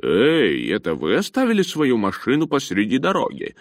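A man voicing a gruff, foul-mouthed male snowplow driver who shouts bluntly in an audiobook. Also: mid-range voice, wildly swooping pitch, moderate pace, no echo, clean studio sound, voice pushed up.

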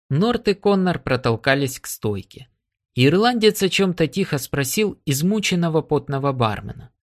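A man reading an adventure audiobook aloud in steady storytelling narration. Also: fairly high pitch. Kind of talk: scripted narration.

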